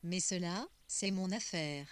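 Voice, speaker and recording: A woman's voice: fairly low pitch, measured pace, no room sound, close to an everyday voice. A woman voicing an ambitious young man in an audiobook reading, with an earnest, reasoning manner. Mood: calculating.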